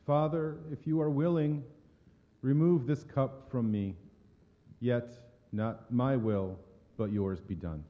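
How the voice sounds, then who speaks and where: In a dramatic scripture reading, a man portrays Jesus as a solemn, gentle teacher facing betrayal and death. His very dark, mellow voice sits at middle pitch, and his delivery is slow, natural, subdued, and earnest. The mood is prayerful, and a hall's long reverb surrounds him.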